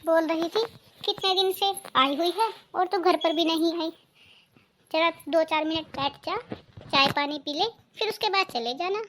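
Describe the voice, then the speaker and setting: A young daughter-in-law from a cartoon family drama, voiced by a woman, with a very high, light voice. She stays polite but holds her ground. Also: normal speed, background noise. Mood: firm. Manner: polite but firm, answering back.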